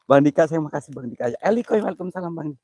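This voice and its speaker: Husky-voiced joking man with lilt. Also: a little high, lively intonation, normal speed, a little mellow, no room sound. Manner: jokey, laughs often, greets viewers. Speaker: host of a comedy ghost-hunting livestream. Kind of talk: casual joking livestream chat. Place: outdoors by an old well. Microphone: phone camera.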